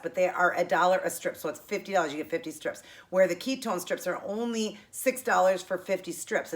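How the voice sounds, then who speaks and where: A middle-aged American woman with a tongue piercing, chatting casually to viewers while she eats. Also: sits low. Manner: talking while eating, with pauses to chew. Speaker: host of a keto eating show.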